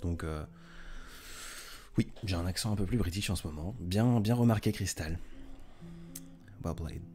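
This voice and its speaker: Soft-spoken low-voiced man hosting a live stream. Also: moderate pace, faint music behind. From France. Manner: soft-spoken, hesitant, many fillers. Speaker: live stream host reading chat. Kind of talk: casual live stream chat.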